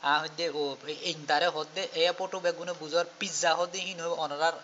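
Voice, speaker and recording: A teacher explaining an English lesson patiently, repeating words slowly one by one. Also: medium pitch, steady tone, a bit bright. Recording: muffled lo-fi recording with faint hiss.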